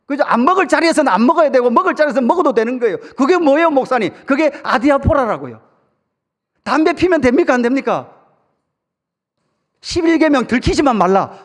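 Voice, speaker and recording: A man preaching a sermon as pastor, lively, asking the congregation questions and telling humorous stories. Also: very high voice, quick pace. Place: church sanctuary. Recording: long reverb of a church sanctuary.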